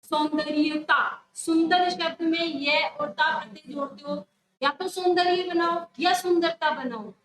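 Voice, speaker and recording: High-voiced woman teacher, echoey room. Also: unhurried, a bit bright. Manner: correcting students firmly, repeating the word under discussion. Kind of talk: exam prep lesson going over a test. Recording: echoey room with faint noise.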